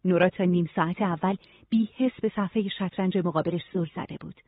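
An audiobook narrator reading a novel in an even, steady storytelling manner. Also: medium pitch, no echo. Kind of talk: scripted narration. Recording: tinny phone-like sound.

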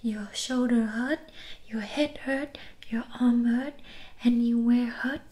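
A young woman playing a pushy shopkeeper in an ASMR role-play, soft-spoken and breathy with a Vietnamese accent and clipped broken-English sales patter. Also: fairly high pitch, steady tone, takes it slowly. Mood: soft, salesy. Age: young adult. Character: pushy, persuasive female Vietnamese shopkeeper selling sleep remedies. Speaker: ASMR performer.

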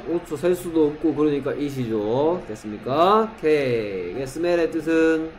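A fairly high-voiced man leads a classroom English lesson at an unhurried pace. He keeps checking whether the students follow, and reads the example sentences out slowly. A faint hum of the room sits behind him. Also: lively intonation, poor audio. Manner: keeps checking understanding with short questions. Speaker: English teacher.

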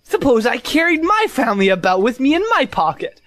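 A woman playing a bossy, self-important, scheming rabbit in a children's audio drama, lecturing briskly and impatiently. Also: on the high side, big pitch swings, a bit bright, no room sound. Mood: indignant.

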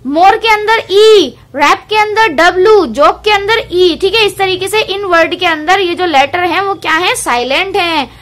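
A woman's voice: very high voice, moderate pace, few pauses, fairly bright tone. A woman teaching a young children's English class online, patiently explaining step by step and asking the class questions. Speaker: primary school English teacher.

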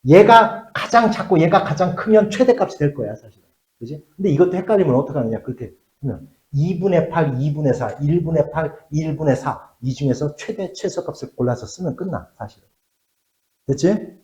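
A middle-aged man teaches math in a classroom. His pitch rises and falls a lot as he checks whether the students follow. The room around him rings with echo. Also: brisk, dull audio. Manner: lively, asks checking questions, drops to mutters while writing. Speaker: math tutor.

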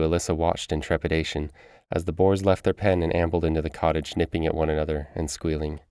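A man narrating a short story in a calm, even way. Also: extremely low pitch, smooth, no room sound, clean studio sound.

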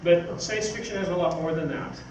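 On an indoor theatre stage, an older magazine editor talks informally from notes, a little fast and rambling slightly. His voice is on the higher side. The stage mic on its stand is heard through a distant camera, so the hall sounds very echoey, roomy and clearly noisy.

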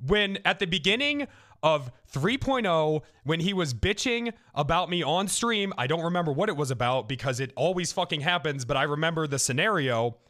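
A man with a bright, ringing voice and a raised pitch rants heatedly on a stream. His tone swings widely as he swears and vents. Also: animated, moderate pace. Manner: heated ranting, heavy swearing. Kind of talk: casual chat.

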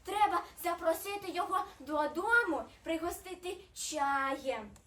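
A woman voicing a timid, gentle little male hedgehog in a storybook, speaking softly and hesitantly, lower than her narration. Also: unhurried. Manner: soft, hesitant, lower-pitched. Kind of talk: storybook reading. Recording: roomy, distant mic, faint ambience.

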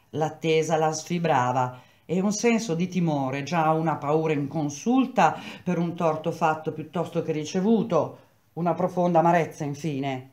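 A woman reading a novel aloud in a calm, even storytelling manner. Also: deep voice. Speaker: reader of a novel.

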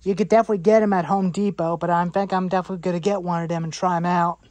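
A woman's voice: lowish voice, steady tone, rapid-fire, a little mellow, no echo. A woman in her twenties, rambling about saw parts, repeating herself and listing items in a cluttered garage. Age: 20s. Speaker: chainsaw hobbyist vlogger. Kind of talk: rambling show-and-tell in a workshop.

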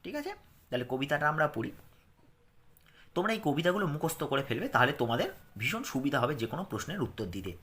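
A man teaches a reading lesson to young children. His voice moves up and down a lot as he reads each line slowly and clearly, then hurries through his explanations. The tone is bright and clear. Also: on the high side, very animated.

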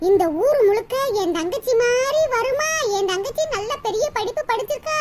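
A woman voicing a sharp-tongued married older sister in a cartoon, scolding and mocking in a long rant. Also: extremely high pitch. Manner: scolding, mocking, rapid ranting. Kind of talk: cartoon voice acting.

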